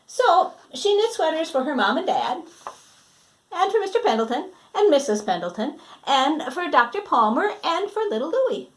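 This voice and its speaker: A woman reads a storybook aloud for children in a fairly high voice. Her pitch swings widely and her delivery is dramatic, as a teacher would do when drawing young listeners in with questions. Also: sing-song, normal speed, slight background noise. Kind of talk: animated picture-book read-aloud.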